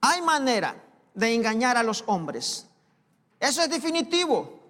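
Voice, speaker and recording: A man preaching a sermon as pastor, asking slow rhetorical questions of the congregation. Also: very high-pitched, sing-song, pushed and bright. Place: church sanctuary. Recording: long hall reverb, live church recording.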